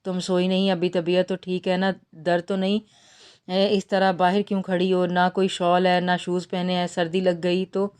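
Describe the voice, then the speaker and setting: A woman voicing an earnest, gentle young man courting the woman he loves in an audiobook novel reading. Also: fairly low pitch, monotone, clean tone, natural voice. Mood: tender. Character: earnest young man in love, tender suitor.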